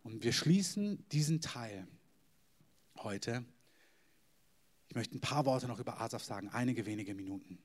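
A man preaching a sermon to a congregation, emphatic, with sudden loud stresses and hushed, whispered asides. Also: mid-range voice, animated, normal speed, pauses often. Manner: addresses the congregation directly.

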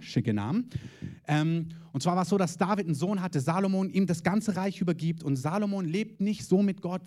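A man preaching a sermon in a slightly high voice. He talks with emphasis, stacks up repeated phrases and calls out to the congregation. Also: darkish tone. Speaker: pastor. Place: church in Berlin.

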